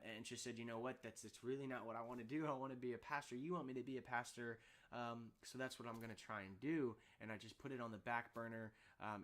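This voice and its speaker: A young man sharing a personal faith testimony in a vlog, earnest and halting, with many fillers and restarts. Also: mid-range voice, fairly bright tone. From Houston area, United States. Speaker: vlogger.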